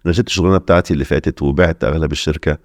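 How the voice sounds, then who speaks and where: A middle-aged Egyptian man with an extremely low, deep voice races through his answers as a podcast guest, slipping English phrases in along the way. His voice is recorded close and dry, with no room sound at all. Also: steady tone, dry recording. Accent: Egyptian Arabic. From Alexandria, Egypt. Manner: rapid talk mixing in English phrases. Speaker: investor guest. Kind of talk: casual podcast interview.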